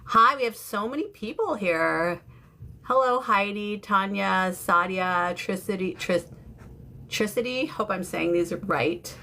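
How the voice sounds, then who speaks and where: Hosting a casual beauty livestream, a fifties-aged woman with an American accent chats informally to her viewers. She comes from the UK and lives in San Francisco, and her medium-pitched voice is slow-paced, bright and forceful. Background noise and room ambience sit in an otherwise clear recording.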